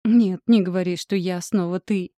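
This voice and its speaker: A rattled, foul-mouthed husband squeals and grumbles in an audiobook, as a woman reader puts him on. He sounds shrill and panicky, a little higher than the reader's own voice. The voice sits close and dry. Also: fairly even intonation, normal speed, dark tone, no room sound, lightly acted. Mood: panicked. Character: panicky foul-mouthed husband, a man in his wife's pregnant body.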